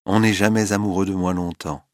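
A man voicing a calm, worldly woman who speaks tranquilly in a storybook reading. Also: low voice, fairly quick, no echo, studio quality, close to an everyday voice. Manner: tranquil, matter-of-fact.

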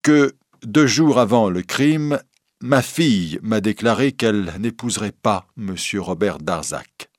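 A man's voice: fairly low pitch, animated, unhurried, dry recording, clean studio sound. A man voicing a grieving, weary elderly professor in an audiobook reading, in a subdued, heavy manner. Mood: grave.

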